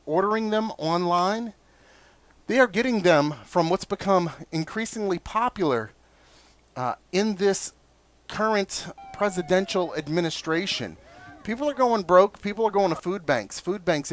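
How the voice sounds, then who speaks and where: A man's voice: on the high side, no echo. A man hosting a casual food review vlog, chatty and enthusiastic, often asking viewers questions.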